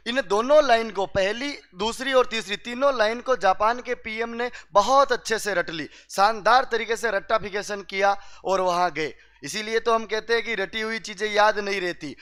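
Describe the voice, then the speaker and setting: A man's voice: sits high, fairly bright tone, smooth. A man telling comic stories to a class, quizzing the listeners and repeating each punchline. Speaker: teacher telling jokes to students.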